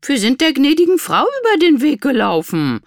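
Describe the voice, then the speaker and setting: A narrator voicing a young maid who speaks up in a high, hushed and defensive way. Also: sing-song, normal speed, slightly rough, no room sound, clean studio sound. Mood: indignant. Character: timid young maid, indignant.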